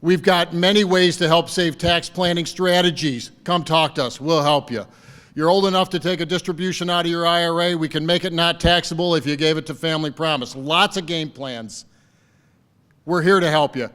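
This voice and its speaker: A man's voice: on the high side, fairly even intonation, normal speed, fairly bright tone, clean tone, long reverb tail. A man giving a fundraiser speech at a lakeside party, rallying the crowd with repeated calls to commit. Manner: rousing, repetitive rallying calls. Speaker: fundraising campaign speaker. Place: party venue by a lake.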